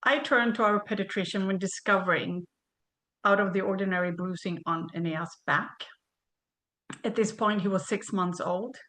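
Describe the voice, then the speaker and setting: A woman in her fifties from Sweden, reading a prepared webinar presentation in a measured way over a video call. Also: mid-range voice, steady tone, a bit bright.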